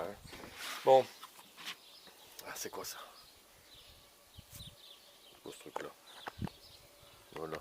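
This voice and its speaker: A man's voice: medium pitch, fairly bright tone, slight background noise. A man in his outdoor garden, planting seedlings and teasing kids to guess each vegetable, with lots of fillers. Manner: playful, teasing guessing games, many fillers. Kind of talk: casual gardening show for children.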